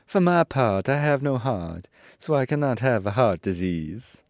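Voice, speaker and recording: A man's voice: medium pitch, very animated, unhurried, darkish tone, dry recording, voice pushed up. A man voicing a solemn, earnest tin woodman who longs for a heart in a storybook. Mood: solemn longing.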